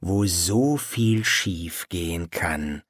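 A man voicing a cool, sardonic young soldier with a low, dry delivery. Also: lively intonation, extremely slow, slightly rough, no echo, full character voice.

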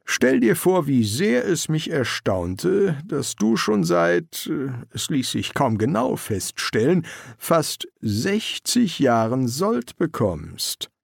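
A man's voice: on the high side, big pitch swings, takes it slowly, creaky, slightly rough, dry recording, clean studio sound, voice pushed up, heavily acted. A man voicing a polite, fussy young army lieutenant who talks in a formal, courteous, chatty way, in a German audiobook. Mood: prim.

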